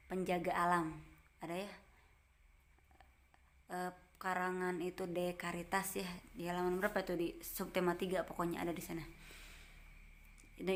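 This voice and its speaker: Female teacher, gentle step-by-step explainer; lower pitch, flat delivery. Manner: gentle, explains in short phrases with frequent tag questions. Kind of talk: online class lesson.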